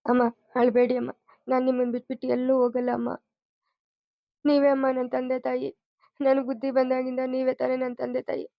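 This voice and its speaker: A woman's voice: high voice, monotone, fairly quick, gravelly, pauses often, no echo, dull audio. A woman voicing a devoted young adult foster son who soothes and pleads in a cartoon. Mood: soothing. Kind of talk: cartoon voice acting.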